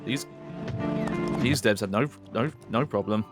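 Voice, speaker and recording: A man's voice: on the low side, measured pace, loud music behind the voice. A man giving casual co-host commentary on a video game, in a wry, observational way.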